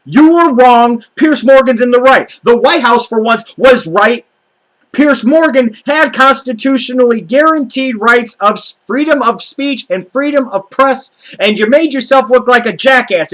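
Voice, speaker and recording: A man's voice: very high-pitched, a bit bright, rough recording. An American man delivering an angry, profane political rant to camera, stressing his words heatedly. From United States. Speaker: video blogger.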